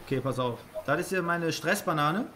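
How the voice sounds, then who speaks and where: A man hosting a prank video chat, talking casually in slang and teasing strangers in a low, conspiratorial way. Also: a little fast, crowd noise.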